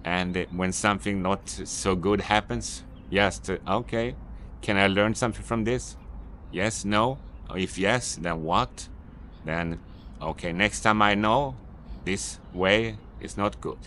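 Low-voiced yet fairly bright in tone, a Swedish man who speaks English as a second language delivers an unscripted vlog monologue while filming on a city street. A vlogger and business owner, he gives mildly annoyed, somewhat repetitive advice. There's a little hiss or hum.

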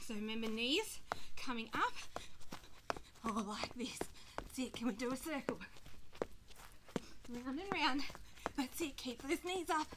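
A woman coaching a kids' workout with short, energetic barked commands and encouragement, puffing a little as she exercises. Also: high voice, normal speed, long pauses. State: exerting, puffing while exercising. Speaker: kids' fitness instructor. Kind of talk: leading a workout, calling out instructions. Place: outdoors in a grassy back yard. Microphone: camera microphone from a few metres away. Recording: noisy outdoor camera audio, some clicks.

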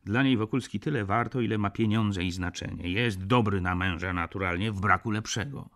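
A man's voice: fairly low pitch, a little fast, a bit bright. An actor reading a sardonic, cynical middle-aged male doctor in an audiobook, blunt and lecturing.

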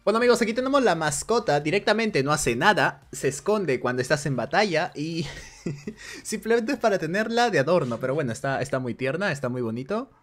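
A man's voice: fairly high pitch, big pitch swings, a little fast, a bit bright, soft background music. A man giving casual gameplay commentary for a video game guide, thinking aloud as he plays in a chatty, conversational way.

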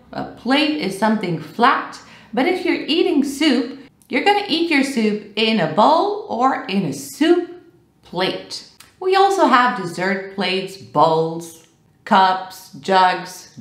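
Woman, 30s, video English teacher, animated and deliberate, roomy sound. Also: medium pitch. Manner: animated, gestures a lot while explaining. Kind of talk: video lesson explaining vocabulary. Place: small room with bookshelves, indoors.

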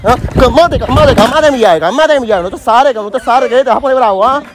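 Pushy high-voiced coastal man. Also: quick pace, noisy background. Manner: pushy, insistent, keeps repeating himself. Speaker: prankster. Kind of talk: hidden-camera street prank.

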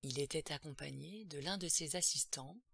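A woman's voice: deep voice, normal speed, vocal fry, fairly bright tone, no room sound. A woman narrating a horror audiobook in a tense, dramatic storytelling manner.

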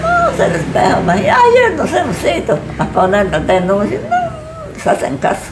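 A woman's voice: high-pitched, wildly swooping pitch, moderate pace, over music. An older woman, a shopkeeper, telling in a rambling, repetitive way how she was robbed, interviewed in her small shop. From Peru. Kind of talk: interview testimony. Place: small indoor corner shop. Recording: echoey room with loud background noise.

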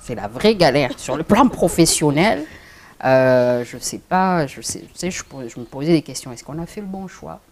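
A middle-aged woman with a French accent tells her own story as an interview guest. Her low voice is animated, and she hesitates, restarting often and laughing quickly.

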